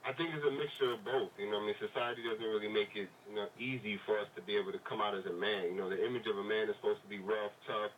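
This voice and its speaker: A man calls in to a radio show and speaks in an earnest, reflective way. His voice sits low. It comes through a phone line and sounds distant. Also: steady tone, rapid-fire, hardly any pauses, a bit bright, slight background noise. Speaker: caller, charity co-founder.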